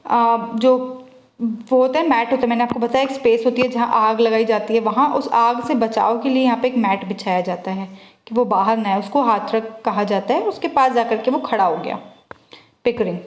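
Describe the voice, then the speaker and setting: Woman teacher, fairly high voice, echoey room. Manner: reads English lines slowly, explains in Hindi. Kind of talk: explaining a play in Hindi with English readings.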